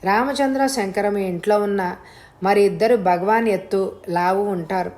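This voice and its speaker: A woman narrating a suspense story aloud in a steady, unhurried reading. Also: mid-range voice. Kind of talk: audiobook narration of a thriller.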